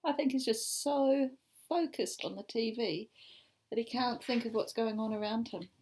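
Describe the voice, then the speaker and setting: A woman with a slightly high, husky voice reads a picture book aloud at a moderate pace. She's an ESOL teacher, and she warmly quizzes her class about the pictures as she goes.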